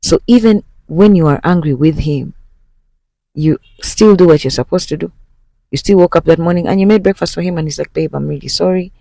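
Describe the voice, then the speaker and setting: A woman's voice: on the low side, fairly quick, mellow, no room sound, studio quality. A woman hosting a podcast, casually retelling a dramatic story in second person, as if talking straight to the listener. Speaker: podcast host.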